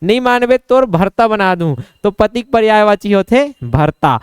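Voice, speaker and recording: A man's voice: high voice, lively intonation, normal speed, clear, resonant tone, no room sound, studio quality. A young man with a Chhattisgarhi accent teaching an exam-prep Hindi lesson, playfully acting out little scenes and quizzing himself.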